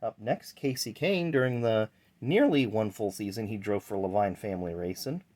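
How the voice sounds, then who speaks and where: Man, low voice, chatty rambling vlog host showing off collectibles. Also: moderate pace, darkish tone. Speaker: channel host. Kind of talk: casual card-collecting vlog.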